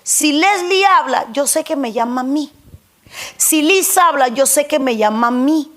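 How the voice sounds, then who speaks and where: A woman's voice: high-pitched, animated, measured pace. A woman pastor preaching a sermon, repeating phrases for emphasis and putting questions to the congregation.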